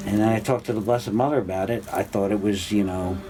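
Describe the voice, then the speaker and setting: A man in his sixties giving an informal spiritual class, rambling and conversational with many fillers and restarts, climbing to a high, animated pitch when excited. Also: fast, over music, poor audio. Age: 60s. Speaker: spiritual teacher. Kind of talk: informal religious class talk.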